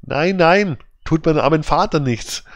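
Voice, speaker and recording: A man's voice: mid-range voice, dry recording, lightly acted. Storybook puppet boy, cocky and emphatic, read by a man, dry close recording. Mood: desperate. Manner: bragging, slow and emphatic. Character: boastful wooden puppet boy, cocky, then scared.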